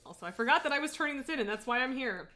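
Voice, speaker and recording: Bright-voiced, rambling woman streamer. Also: high-pitched, lively intonation, racing. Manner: rambling, thinking aloud, jumping between thoughts; self-mocking, giggly, informal. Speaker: video game streamer, host. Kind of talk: casual gameplay livestream chat.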